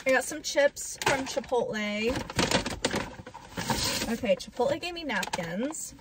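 A woman's voice: fairly high pitch, animated, a little slow, very noisy. A young woman hosting a casual mukbang vlog, bubbly and chatty with lots of fillers. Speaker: vlogger.

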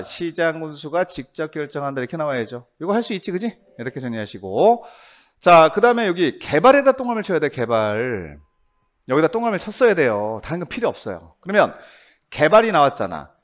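Animated Korean male law lecturer. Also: on the high side. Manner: lively, coaxing, quizzes the class with tag questions. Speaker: real estate law instructor. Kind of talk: exam review lecture.

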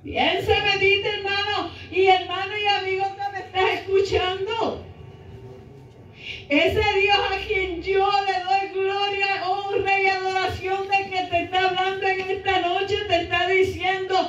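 A middle-aged woman preaching a sermon into a handheld mic in a small church hall, impassioned, rising into shouts and half-sung lines. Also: very high voice, level tone, measured pace, slight background noise. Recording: echoey room, camera far off, dull sound.

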